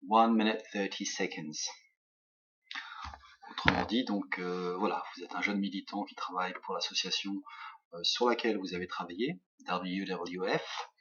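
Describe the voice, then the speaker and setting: A man's voice: sits low, steady tone, moderate pace, sharp tone, breathy edge. A middle-aged male teacher with a French accent, giving recorded instructions from home with many fillers and restarts. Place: home, during lockdown. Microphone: webcam or laptop mic. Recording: muffled lo-fi webcam audio.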